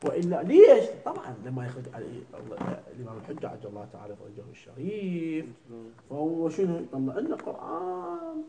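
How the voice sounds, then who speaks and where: A man teaching a religious jurisprudence lesson, often stopping to ask his students whether it is clear and to quiz them. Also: on the high side, wildly swooping pitch, quick pace, background noise. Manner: keeps asking students "clear?" and quizzing them.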